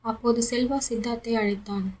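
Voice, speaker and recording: A woman narrating a romance novel as an audiobook, in a steady storytelling manner. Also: on the high side, brisk, poor audio. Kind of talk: reading a romance novel aloud.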